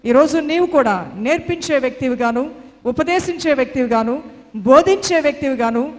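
A woman's voice: high-pitched, animated, normal speed, big-room sound. A woman preaching a sermon with fervent, repetitive exhortation.

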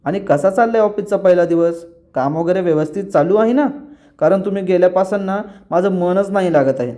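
A man's voice: high voice, a little fast, dark tone, voice pushed up, natural voice. A man voicing an anxious, affectionate young wife while retelling a TV serial scene. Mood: caring. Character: caring young wife, clever and worried.

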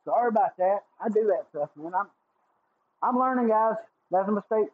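A man's voice: high voice, normal speed. Folksy Southern man on a tinny mic. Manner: folksy, drawling, thanks viewers often. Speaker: livestreaming guitar builder. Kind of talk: casual livestream chat while working. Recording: tinny phone-like sound with faint noise.

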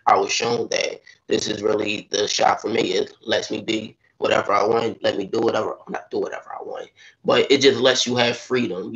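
A teenage boy answering on a student panel, earnest and a little halting. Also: lowish voice, creaky, fairly bright tone. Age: teens. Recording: dull lo-fi stream audio.

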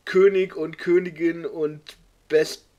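In a slow, flat, warm delivery, a male video host reads a clumsy fan story aloud for a comedic read-along. He mocks the writing with exasperated jokes and now and then squeaks into high voices for characters.

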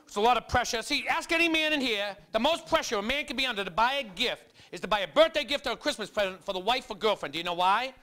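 A man doing a stand-up comedy routine in a comedy club, acting out rants with shouted character voices. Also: very high-pitched, lively intonation, fast talker, few pauses.

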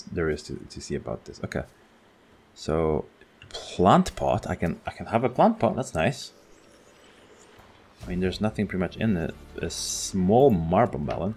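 A man with a notably low-pitched voice talks through a video game in a casual let's-play style. He is excitable and chatty, thinking out loud as he explores. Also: slightly rough. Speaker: gaming channel host.

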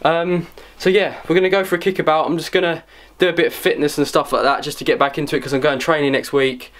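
This young vlogger talks fast with a flat delivery, his voice fairly high and a bit bright. He chats casually to the camera in a sweary, rambling, self-mocking way, sometimes out of breath.

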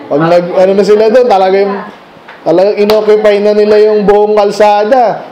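A man's voice: sits high, flat delivery, brisk, mellow, rough recording. A man with a Filipino accent, preaching a midweek Bible study sermon in a conversational way, full of rhetorical questions and English phrases. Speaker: pastor. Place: church meeting room.

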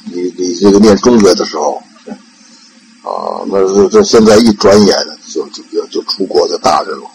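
An old man giving an informal Buddhist talk in a gravelly voice. He rambles, repeats words and leans on fillers. A faint background hiss sits behind him. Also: deep voice, normal speed, darkish tone, rough recording. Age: older. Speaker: Buddhist lay teacher.

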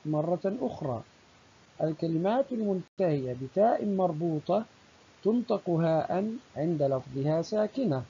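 A primary school teacher giving a recorded lesson, speaking slowly and deliberately and stretching out the example words. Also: mid-range voice, mellow, husky. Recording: dull lo-fi recording.

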